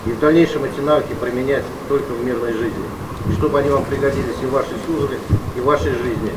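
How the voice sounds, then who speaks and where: A man reads out a formal ceremonial address in a medium-pitched voice. The sound is echoey and slightly distant, with loud noise behind it. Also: fairly even intonation, fast. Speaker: official speaker at a ceremony. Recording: very noisy, echoey, distant recording.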